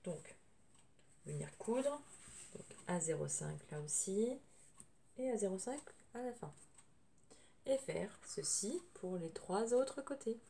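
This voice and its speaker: A woman with tonsillitis, voice thick and odd, hosts a casual sewing tutorial, hesitant and often clearing her throat. Her medium-pitched voice is expressive, slow, and dark, with frequent pauses. The distant camera mic, with no separate microphone, records noisy room sound.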